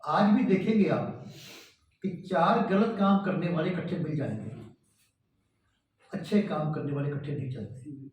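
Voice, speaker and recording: A man's voice: a little high, slight background noise. A man giving an earnest moral lecture to a gathering in a large hall, posing rhetorical questions. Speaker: speaker addressing a cultural meeting. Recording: echoey hall, distant mic, dull sound.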